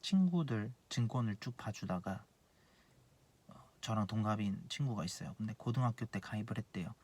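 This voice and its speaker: A man's voice: fairly low pitch, expressive, fairly quick, a little mellow, slightly rough. A man in his late twenties, an insurance planner, giving blunt, earnest advice in a casual monologue and repeating his key points. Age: 20s.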